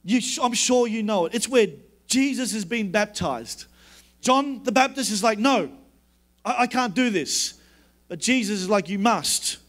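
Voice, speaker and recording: A man preaching a sermon as a pastor, emphatic and repetitive, dropping low and soft when he quotes God's words. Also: animated, a little slow.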